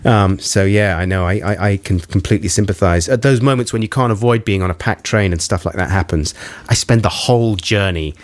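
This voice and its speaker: A man's voice: lowish voice, a little fast, no echo. A man co-hosting a radio show, reading listener emails and teasing his partner in playful banter. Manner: teasing, giggly, animated. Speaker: radio co-host. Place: radio studio. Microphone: studio microphone.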